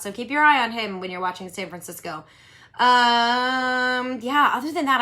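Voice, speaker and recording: A woman's voice: mid-range voice, bright, forceful tone. A woman in her thirties hosting a casual livestream, chatty and giggly, answering viewer questions and saying "like" a lot. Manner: chatty, giggly, says "like" often.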